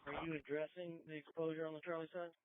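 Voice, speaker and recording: A man's voice: on the high side, level tone, fast, dry recording, phone-quality sound. A man giving clipped, procedural commands in urgent firefighter radio traffic, heard over a two-way radio. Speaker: firefighter on emergency radio, directing units. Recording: noisy scanner radio with clicks.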